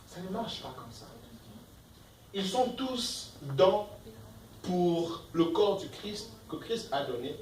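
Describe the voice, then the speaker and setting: A man's voice: sits high, big pitch swings, slow, darkish tone, echoey room, distant mic, slight background noise, poor audio. A man preaching a sermon as pastor, emphatic, asking the congregation questions and reading verses aloud. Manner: reads scripture verses aloud between comments. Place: church.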